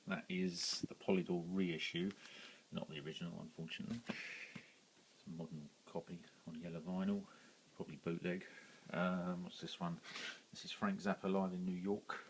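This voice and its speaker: A man's voice: sits low, normal speed, a bit bright, a little hiss or hum, low-quality recording. A British man casually showing his record collection, rambling with plenty of ums and self-corrections. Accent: British English. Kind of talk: casual show-and-tell vlog.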